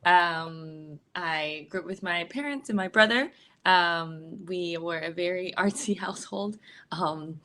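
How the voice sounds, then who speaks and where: A woman's voice: on the low side, slow, pushed and bright, slight background noise. A woman from the Bay Area, an actress and filmmaker, chatting casually as an interview guest with lots of fillers and likes. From San Francisco Bay Area, US.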